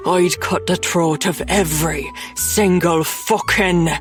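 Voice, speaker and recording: Casting: woman reading a cruel older Irish hitman, raspy growl, very slow and low. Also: fairly even intonation, music in the background. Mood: menacing. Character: menacing older male Irish killer, gleeful and cruel.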